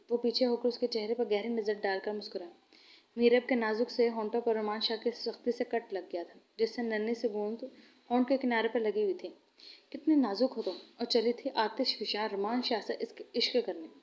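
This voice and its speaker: A woman narrating a romance novel aloud in steady storytelling, in a muffled lo-fi recording. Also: fairly high pitch, fairly quick.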